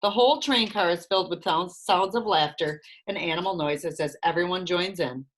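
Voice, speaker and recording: A woman narrating a children's storybook in an expressive, lively reading voice. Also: on the low side, normal speed.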